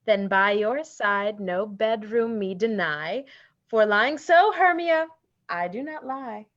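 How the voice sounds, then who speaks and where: A woman playing an earnest young male lover, speaking Shakespeare's verse slowly and deliberately. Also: mid-range voice, a bit bright, highs cut off. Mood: ardent. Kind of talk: Shakespeare reading.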